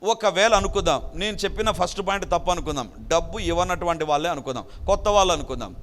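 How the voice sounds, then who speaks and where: A man with a high voice preaches a sermon, pressing his listeners with rhetorical questions. He slips English phrases into his talk. The voice carries a long reverb, as in a large hall. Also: lively intonation, fast, fairly bright tone. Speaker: pastor.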